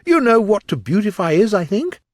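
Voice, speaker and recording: A man voicing the Gryphon, a bossy, impatient storybook beast who talks loudly and bluntly. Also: high-pitched, very animated, fairly quick, no echo, studio quality, pitched above the performer's own voice. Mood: brash. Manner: loud, blunt, exclamatory. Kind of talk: audiobook reading.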